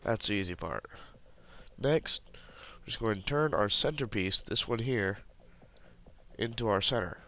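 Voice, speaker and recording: This man's lowish voice is animated, bright and forceful, delivered at a measured pace. He casually talks through a puzzle tutorial over a screen recording, clicking as he walks through each step. Because he has the flu, he sounds congested and keeps sniffling.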